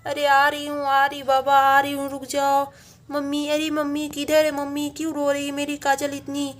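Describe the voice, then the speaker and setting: A woman voicing an eager little girl who pleads to calm her crying baby sister, in a doll storybook video. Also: sits high, normal speed, pitched above the performer's own voice, natural voice.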